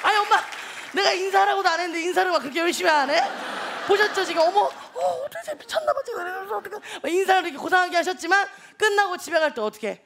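A man playing a brash, gravelly-voiced young female teacher. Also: very high-pitched, animated, very fast, a crowd in the background, full character voice. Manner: loud, bragging, teasing the audience. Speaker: comedian in a sketch. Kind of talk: live sketch comedy. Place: TV comedy stage. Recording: studio audience laughter and noise.

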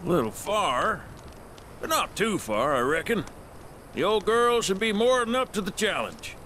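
A man's voice: sits high, very animated, unhurried, bright, forceful tone, slight background noise, exaggerated voice. An actor voicing a brash, cheery male pilot with a showy, folksy manner.

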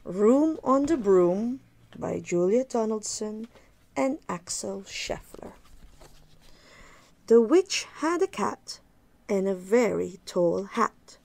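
A woman reading a rhyming picture book aloud for children, expressive and sing-song. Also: on the high side, creaky. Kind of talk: storybook read-aloud for kids.

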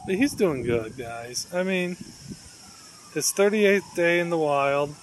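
A man vlogging outdoors as he feeds a wild squirrel, talking earnestly and affectionately, sometimes coaxing in a high pet voice. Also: slow pace, a little hiss or hum, low-quality recording. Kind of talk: casual vlog narration. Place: outdoors near his home.

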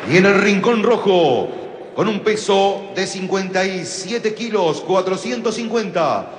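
A man introducing fights formally as a ring announcer, with showy drawn-out names in the manner of lucha libre, over a stadium PA. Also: lively intonation, a faint crowd, slight background noise. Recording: long booming arena reverb.

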